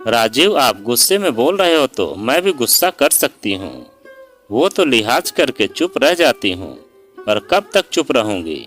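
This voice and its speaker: A man's voice: mid-range voice, sing-song, measured pace, fairly bright tone, faint music behind. A man voicing a hurt, outspoken young daughter-in-law in a storybook reading, speaking sharply and sarcastically. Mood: bitter. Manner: sarcastic and pleading by turns.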